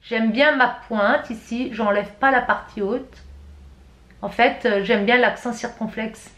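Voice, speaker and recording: In a fairly bright voice on the high side, a middle-aged woman from France narrates a makeup tutorial a little slowly. As a beauty vlogger, she chats straight to her viewers and often corrects herself.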